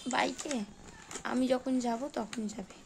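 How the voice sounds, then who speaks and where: A woman's voice: on the high side, fairly even intonation, takes it slowly, creaky, very noisy. A woman in her thirties filming a casual home vlog, chatting, teasing and scolding her child in a room indoors on a handheld phone camera. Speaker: mother vlogger.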